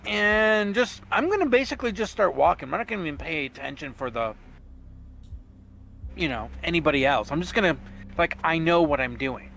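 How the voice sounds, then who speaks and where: Higher-voiced man rambling through tabletop role-play. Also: expressive, brisk, gravelly, fairly bright tone, a little hiss or hum. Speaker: tabletop game player. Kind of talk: casual role-play chat, describing his character's actions.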